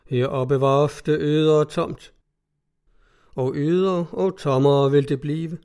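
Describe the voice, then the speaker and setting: A man voicing a grieving, weary old villager who speaks slowly and heavily. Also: fairly high pitch, fairly even intonation, darkish tone, clear, resonant tone, close to an everyday voice. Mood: sorrowful. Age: older.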